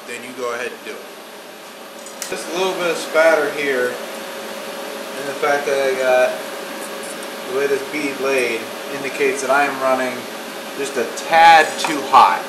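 A man's voice: mid-range voice, distant mic. A man in his thirties teaching welding step by step, explaining things in a practical, matter-of-fact way in a home garage workshop. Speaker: welding instructor. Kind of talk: instructional demonstration. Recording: echoey garage from afar with fan hum.

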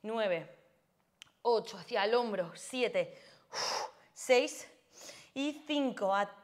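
A woman's voice: a little high, expressive, drawn-out words. A young woman fitness instructor cueing a floor workout with counts, short puffs of breath, and out of breath as she exercises along.

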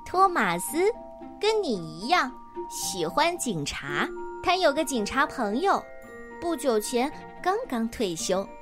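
A woman telling a children's storybook tale in a playful, sing-song way. Her voice sits high and swoops lively up and down. Soft music plays under her. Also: slow.

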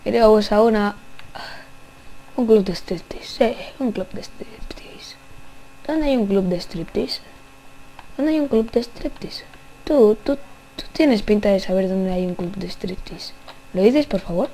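A young woman giving silly, playful gameplay commentary, repeating phrases with rising pitch and singing bits. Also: expressive, a little slow, mellow, a little hiss or hum, poor audio. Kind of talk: playful let's-play commentary.

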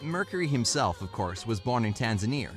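A man's voice: mid-range voice, big pitch swings, brisk. Upbeat male narrator over faint music. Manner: upbeat, informative, lightly jokey. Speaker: narrator of a travel list video. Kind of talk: scripted narration.

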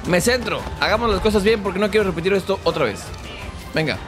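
A man commenting casually on his gameplay, excitable and cursing at the game, often shouting. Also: high voice, fast talker. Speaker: gaming channel host. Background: game music and gunfire.

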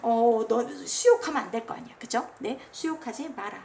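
A woman's voice: on the high side, expressive, normal speed, mellow, a little hiss or hum. A woman teacher explaining a classical poem in a chatty lecture. She keeps checking that her listeners follow and acts out the poem's commands in a scolding voice. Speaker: Korean literature teacher.

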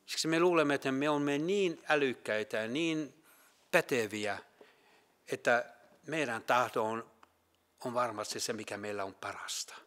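A man preaching a sermon in a Finland Swedish accent. He talks earnestly, rising to emphatic peaks and dropping to hushed quiet, with halting restarts. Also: mid-range voice. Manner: halting restarts with Finnish filler sounds.

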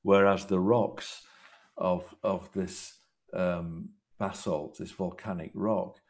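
A man's voice: deep voice, steady tone, takes it slowly, a little mellow. A man in a panel discussion on a video call, thoughtful and rambling, restarting his phrases. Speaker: host, artist.

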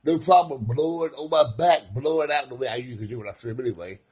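A man talking to his camera about his recovery, swinging between soft, slow remarks and loud bursts of laughter. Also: mid-range voice, husky. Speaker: vlogger sharing his recovery. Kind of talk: casual personal vlog.

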